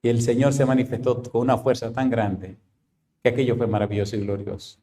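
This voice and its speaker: A male pastor preaches a sermon, hammering his congregation with repeated rhetorical questions. He swings between loud, high outbursts and slow, low statements, though his tone stays level, and there's a little hiss or hum.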